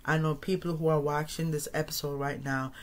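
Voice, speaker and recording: Fairly quick and level in tone, his voice a little high, the thirtysomething host speaks casually to listeners in a solo podcast episode, rambling and frequently repeating phrases or restarting.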